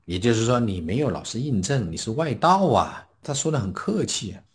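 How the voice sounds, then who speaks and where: A man delivers a Buddhist dharma talk in a storytelling manner, explaining old scripture. His pitch is average for a man, and his voice rises and falls widely as he acts out the figures he quotes. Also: a little fast, a little hiss or hum. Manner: storytelling, acting out quoted speakers with lively swings. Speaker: Buddhist teacher.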